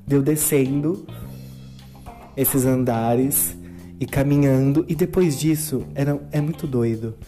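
Brazilian woman, podcast host, low and mellow, expressive storyteller who plays the other people in her story, soft guitar bed. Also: slow pace. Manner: expressive, acts out quoted dialogue. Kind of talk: personal storytelling monologue.

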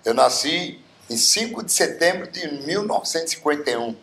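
A man's voice: a little high, expressive, a little fast, a bit bright, slight background noise. A man in his seventies from Bauru, Brazil, telling stories as a guest, with many fillers. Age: 70s. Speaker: guest singer. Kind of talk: casual interview storytelling. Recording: roomy echo.

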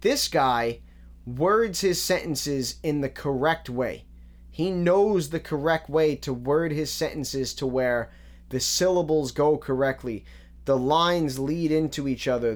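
A man giving a casual, methodical breakdown of rap lyrics, with frequent ums and restarts. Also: a little high. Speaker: music reaction host.

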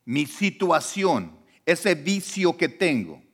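A male pastor delivers a sermon in a conversational way, putting questions to his listeners. His voice is very animated, rising sharply for emphasis and falling back to quiet asides. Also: fairly high pitch, slow pace. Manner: conversational, asks the congregation questions.

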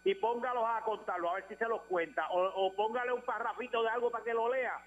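A Puerto Rican caller rambles on about his point, pausing on fillers. His voice is high. It comes over a dull, muffled phone line with faint hum. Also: steady tone.

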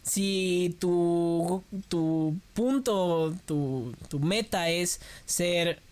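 A man's voice: high-pitched, drawn-out words, clear, resonant tone. A young man talks casually as a podcast co-host. He tells his stories with animation and slips into put-on voices whenever he quotes someone. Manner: lively storytelling, acts out quoted voices. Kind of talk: casual chat.

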